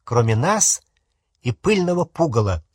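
A man's voice: mid-range voice, sing-song, unhurried, husky. A man voicing an easygoing, wry teenage boy wizard in an audiobook, with an offhand, teasing manner. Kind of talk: audiobook character voice.

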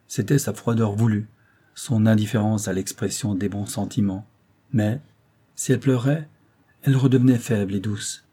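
Low, husky male audiobook narrator. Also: mellow. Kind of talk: scripted literary narration.

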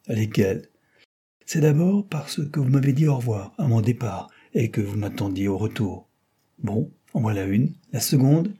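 A man reading the part of a cheerful young male aviator in an audiobook, animated and exclamatory, with a husky voice. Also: lowish voice.

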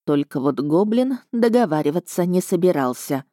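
A woman's voice: lowish voice, lively intonation, normal speed, mellow, no echo. A woman reading a first-person story aloud with a wry, dry tone. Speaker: audiobook narrator. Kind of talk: scripted first-person narration.

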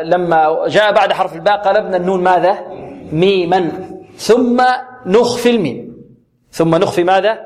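Male tajweed teacher with a high voice, slow demonstrations, answers his own questions. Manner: asks the class questions and answers them himself; repeats words slowly to demonstrate pronunciation. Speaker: Quran recitation teacher. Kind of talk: tajweed lesson with slow modeled recitation.

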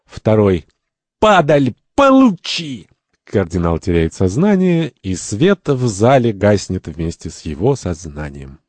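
A man's voice: deep voice, very animated, measured pace, warm tone, no echo. A man reading out a play's stage directions in a plain, matter-of-fact way. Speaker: reader.

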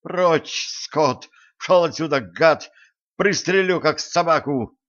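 A man's voice: expressive, slow pace. A man voicing a drunk, enraged woman who screams curses at her husband, in a dull audiobook recording. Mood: shrieking threat. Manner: screaming insults, shrill.

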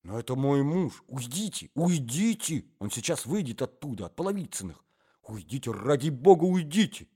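A man voicing a flustered, flirtatious society lady who gushes in breathless, shrill exclamations. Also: very animated, normal speed, dark tone, slightly rough. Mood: alarmed.

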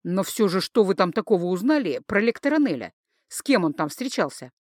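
A woman voicing a tired, patient male mage who speaks low and calmly. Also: fairly quick, no echo, clean studio sound. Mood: dry. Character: weary patient male mage, dry and calm.

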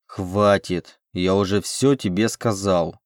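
A man's voice: lowish voice, moderate pace, a little mellow, no room sound, clean studio sound, close to an everyday voice. A man reading an audiobook, voicing a domineering, possessive male suitor who growls his commands.

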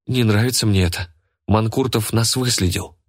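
A man's voice: on the low side, normal speed, no echo, clean studio sound, natural voice. A man voicing a flustered young man who stammers in alarm. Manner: startled, stammering.

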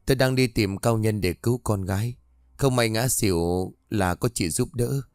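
A man's voice: fairly low pitch, normal speed, a little mellow, no room sound, studio quality, close to an everyday voice. A man voicing a humble, worried village father asking for help in a spoken ghost story.

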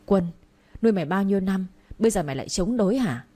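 A woman's voice: medium pitch, animated, fast talker, warm tone, husky. A woman reading the part of a stern, harsh-tempered old rural father who scolds his son. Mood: scolding. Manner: scolding, curt.

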